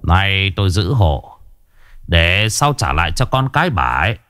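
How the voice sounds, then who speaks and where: A man voicing a stern, wise older village man who gives grave, measured warnings in a ghost story. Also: deep voice, very animated, fairly bright tone, clear, resonant tone, no room sound, studio quality, exaggerated voice. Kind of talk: storybook ghost tale voice acting.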